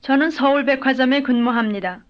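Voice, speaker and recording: On what sounds like an old lesson tape, dull and lo-fi, a woman with a high voice gives careful, measured answers in full sentences. She's the model speaker for a language drill.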